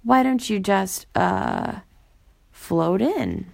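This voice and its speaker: A woman's voice: medium pitch, sing-song, drawn-out words, vocal fry, darkish tone, exaggerated voice. A woman voicing a fussy, proud male Fraggle in a storybook reading, prim and a little self-satisfied. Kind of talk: storybook character voice.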